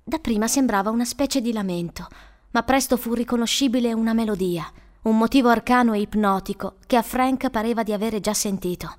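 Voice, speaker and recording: Woman, audiobook narrator, measured, calm, fairly high voice. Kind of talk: scripted narration.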